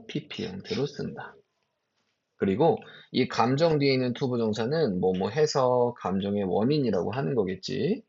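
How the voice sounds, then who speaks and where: Animated male English teacher, lo-fi. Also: medium pitch, gravelly. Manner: animated, rhetorical questions to students; reads English slowly and stressed, Korean quickly. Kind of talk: exam-prep lecture. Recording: dull lo-fi recording.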